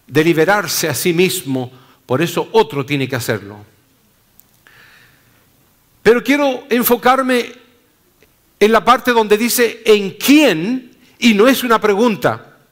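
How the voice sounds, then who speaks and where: A man pastor preaching a sermon in slow, deliberate phrases, dropping low and soft at the ends.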